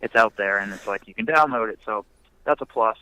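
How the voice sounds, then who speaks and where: Fairly low in pitch and fairly quick, the young musician's sharp-toned voice comes through a muffled phone line, dry in recording. He's casual and rambling in this phone interview, leaning on lots of fillers.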